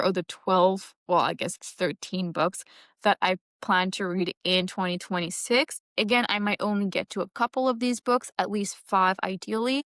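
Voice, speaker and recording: A young woman from Mauritius, whose first language is Mauritian Creole, talks casually as a book vlogger about her reading plans, thinking aloud with gentle self-deprecation. Her voice is mid-range and fairly bright, captured at studio quality with no room sound.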